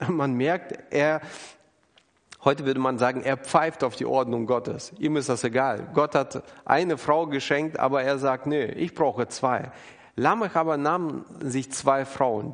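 A man preaching an earnest, emphatic sermon, acting out the people he quotes. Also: medium pitch. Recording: long hall reverb.

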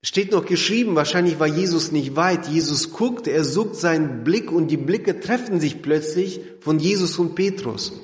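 Brief: male preacher, dramatic and direct, slightly high voice, long hall reverb. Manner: dramatic, drops to quiet intense tones; addresses listeners directly. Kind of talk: sermon.

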